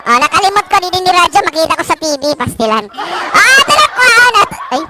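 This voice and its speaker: A woman co-hosting an online variety show, giving playful, giggly shout-outs and raffle announcements. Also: very high voice, big pitch swings, fast talker, very noisy. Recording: loud background music.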